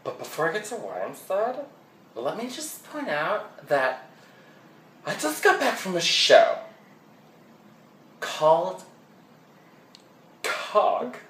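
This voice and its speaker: A man's voice: high voice, huge pitch swings, takes it slowly, long pauses, fairly bright tone, exaggerated voice. A man playing a flamboyant male Broadway fan who rambles and keeps getting sidetracked, peppering his talk with fillers in a comedic monologue. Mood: chatty. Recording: roomy echo.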